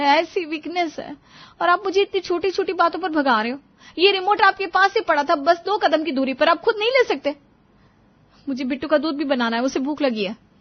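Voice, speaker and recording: A woman's voice: high-pitched, muffled recording, pitched above the performer's own voice, natural voice. A woman doing a weary, exasperated young mother. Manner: protesting, exasperated. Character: tired young mother, put-upon daughter-in-law.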